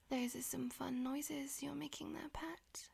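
Voicing a teasing, dominant demon woman for audio roleplay, the performer speaks largely in breathy whispers that command. It's a high, full character voice.

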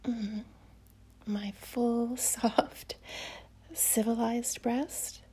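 A woman's voice: medium pitch, expressive, unhurried, darkish tone, husky. A young woman acting a proper, easily flustered young time traveler in an audio roleplay, speaking breathily and often dropping to a whisper. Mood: breathy whisper. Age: young adult.

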